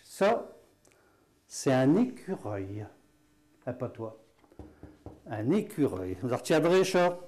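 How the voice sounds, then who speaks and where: A man's voice: mid-range voice, sing-song, takes it slowly, long pauses, warm tone. A man with a Picard accent teaching patois words in a folksy, chatty way, full of fillers and chuckles. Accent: Picard (Hainaut). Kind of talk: casual spoken lesson.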